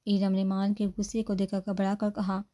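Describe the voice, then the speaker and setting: Mellow-voiced woman reading a novel. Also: mid-range voice. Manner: steady storytelling narration. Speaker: narrator. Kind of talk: reading a serialized novel aloud.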